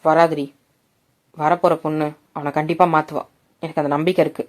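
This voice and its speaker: A woman voicing a stern middle-aged father who gives gruff commands to his son and soft, low reassurance to his wife. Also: flat delivery, a little fast, close to an everyday voice. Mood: reassuring.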